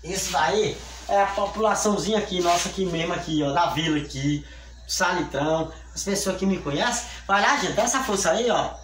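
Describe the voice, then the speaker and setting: A man's voice: high-pitched, a little fast, background noise. An older Brazilian man, sick with fever, rambling and pleading with his viewers while he cleans up a small home kitchen, filmed on a phone camera set on the counter. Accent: Brazilian Portuguese. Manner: rambling, pleading, repeats himself. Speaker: family channel vlogger. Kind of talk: casual vlog appeal to viewers. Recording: echoey kitchen with faint ambience.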